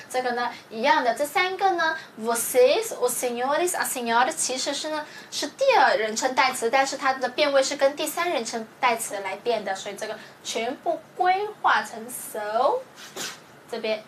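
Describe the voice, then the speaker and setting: A woman's voice: sits high, a bit bright, slight background noise. A woman teacher reviewing a language lesson, explaining step by step and often checking with her students. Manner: explains slowly, checks with "对不对". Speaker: Portuguese teacher.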